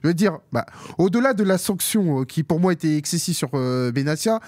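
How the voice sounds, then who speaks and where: Earnest pundit, dry studio sound. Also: male voice, a little high, animated, fairly quick, a little mellow, no echo. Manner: earnest, repeats "pour moi", hesitant fillers. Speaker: football pundit. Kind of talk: studio debate. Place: television studio.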